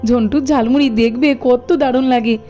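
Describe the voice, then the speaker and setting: A woman's voice: a little high, fairly even intonation, brisk, mellow, faint music behind, voice pushed down, close to an everyday voice. A woman voicing a cheerful, pushy street snack-seller man in a doll cartoon, calling out his wares in a sing-song hawker style. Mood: coaxing.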